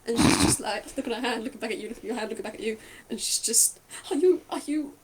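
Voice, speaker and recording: A woman's voice: fairly high pitch, flat delivery, rapid-fire, heavy background noise. A woman player narrating her character's actions in a tabletop game.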